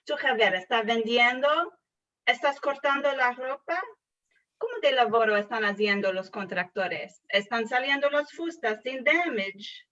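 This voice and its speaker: A woman's voice: on the high side, measured pace, bright, forceful tone. A woman reading the part of a worried, scolding mother calling her son in a scripted dialogue. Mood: nagging. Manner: scolding, nagging, full of complaints. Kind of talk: read-aloud scripted dialogue. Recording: far from mic, dull lo-fi sound.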